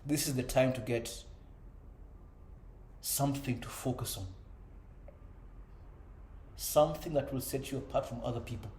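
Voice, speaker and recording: A man in his thirties talks earnestly to young men about self-improvement. His voice sounds mellow and unhurried. The recording sits in an echoey room with a faint ambient hum behind him. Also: medium pitch, fairly even intonation. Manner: earnest, conversational, frequent "you know" and "right?". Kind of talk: reflective personal monologue.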